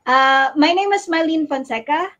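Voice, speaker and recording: A woman's voice: sits high, moderate pace, fairly bright tone. A cheerful woman from the Philippines introducing herself over dull, lo-fi call audio. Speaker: guest. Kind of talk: self-introduction.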